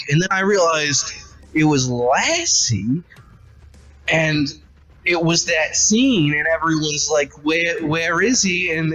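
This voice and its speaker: A man voicing a conman who poses as a psychic, talking in a slow, theatrical, bluffing way. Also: fairly high pitch, bright, forceful tone.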